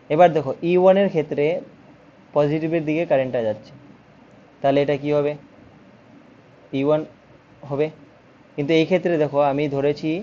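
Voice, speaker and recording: A man's voice: fairly high pitch, warm tone, lo-fi sound. A man with a Bengali accent teaching a physics lesson, patiently explaining step by step.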